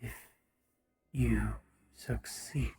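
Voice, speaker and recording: A man voicing a cryptic prophetic being through a voice changer, speaking in slow, terse, ominous pronouncements. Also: medium pitch, steady tone, vocal fry, warm tone, husky, faint music behind, full character voice. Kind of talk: voice chat roleplay.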